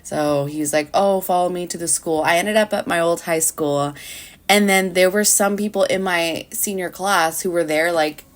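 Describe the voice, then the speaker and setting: Rambling low-voiced woman vlogger. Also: normal speed. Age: early 30s. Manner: rambling, conversational, frequent "like". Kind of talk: casual vlog chat. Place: indoors at home.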